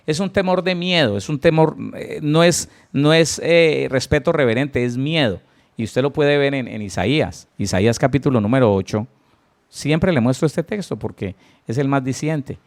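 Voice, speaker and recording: A man's voice: medium pitch, normal speed. A middle-aged man preaching a Bible teaching sermon, earnest, repeating key words and speaking straight to his listeners with rhetorical questions. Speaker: pastor.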